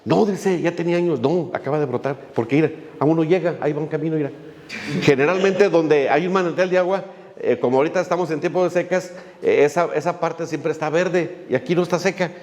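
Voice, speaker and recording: A man's voice: on the high side, fast, darkish tone, in a large hall. A male pastor, preaching a sermon in a folksy way, with many fillers and little jokes as he tells a story.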